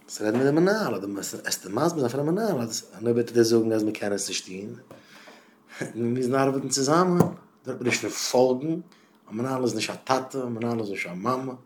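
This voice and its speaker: A male rabbi gives a heartfelt talk of encouragement to teachers. His voice sits at an ordinary middle pitch and swings from near-mumbled asides to loud, fervent bursts. A faint hiss of noise hangs behind him. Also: expressive, fairly quick. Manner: swings from low murmurs to loud impassioned bursts. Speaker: rabbi giving a talk to educators. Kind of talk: Yiddish chizuk talk.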